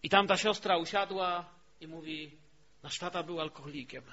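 A man preaching a sermon in a storytelling way, dropping to a hush and then rising to emphatic peaks. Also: a little high, normal speed. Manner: storytelling, swings from hushed to emphatic. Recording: dull lo-fi recording.

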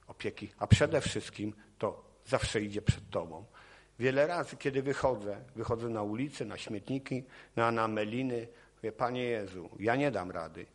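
A man with a medium-pitched voice delivers a passionate sermon at a church or meeting hall podium, leaning heavily on repetition. He works in his personal testimony and circles back to key phrases while his intensity builds.

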